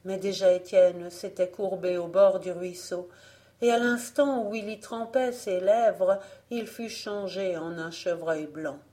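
Woman reading a fairy tale, mellow and low. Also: measured pace. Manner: calm, even storytelling. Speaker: audiobook reader. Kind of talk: scripted narration.

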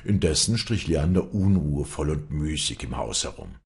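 A man reading a novel aloud as audiobook narrator, in expressive, measured storytelling. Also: a bass voice. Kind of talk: scripted narration.

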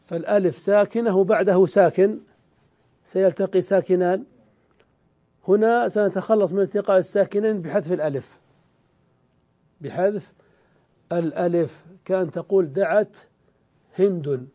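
A man teaching an Arabic grammar lesson, explaining step by step, asking questions and answering them himself, and drawing out the example words slowly. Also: high voice, dark tone, muffled recording. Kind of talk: classroom grammar lecture.

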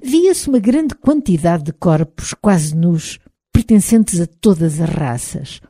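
A woman with a European Portuguese accent narrating an audiobook in the first person, in a measured, expressive reading. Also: on the low side, slightly rough, no echo, studio quality.

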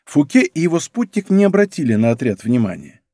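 A man narrating a historical novel as an audiobook, telling the story in a measured, even way from a studio. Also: a little high, no echo. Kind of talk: scripted narration. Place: recording studio.

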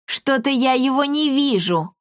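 A woman voicing an excitable, boastful young boy in a storybook reading. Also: high voice, unhurried, no room sound, clean studio sound, pitched above the performer's own voice. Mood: eager.

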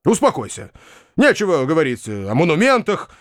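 A man's voice: medium pitch, expressive, moderate pace, no room sound, studio quality, natural voice. A man voicing a kindly, flustered middle-aged uncle who stammers and hesitates over his words. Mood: earnest.

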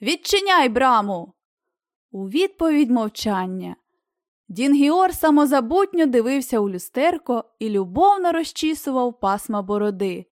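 A woman narrating a fairy-tale audiobook in an even storytelling manner. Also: fairly high pitch, moderate pace, no echo, studio quality. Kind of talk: scripted narration.

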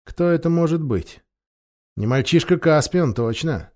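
A man voicing a cautious nobleman who speaks in a measured, deferential way in a storybook reading. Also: fairly high pitch, lively intonation, darkish tone, voice pushed up. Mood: wary.

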